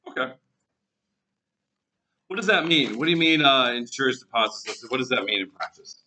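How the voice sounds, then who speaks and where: Animated male lecturer in an echoey classroom. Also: mid-range voice, moderate pace, recorded from a distance, a little hiss or hum. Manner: lively storytelling, acts out scenes, asks students questions. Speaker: economics lecturer.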